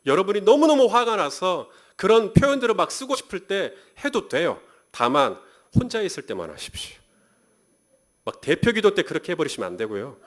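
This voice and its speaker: A man delivers a sermon from a church pulpit, and his voice rides a fairly high, very animated pitch. He talks to the congregation directly and keeps asking them rhetorical questions. When he reads scripture, he slows right down. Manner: reads scripture aloud slowly. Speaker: pastor. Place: church sanctuary.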